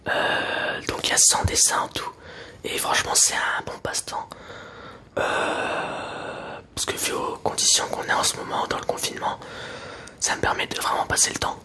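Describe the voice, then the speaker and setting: Casting: male ASMR creator, hushed library whisper, crisp bright edge, casual and hesitant delivery. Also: normal speed. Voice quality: soft, breathy whisper.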